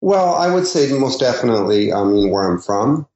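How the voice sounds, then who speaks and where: A San Diego, California poet in his fifties, a native Spanish speaker, talks as a guest in a casual interview, hesitating with many ums and restarts. His medium-pitched voice is very animated and darkish at a moderate pace, heard over an echoey lo-fi remote line.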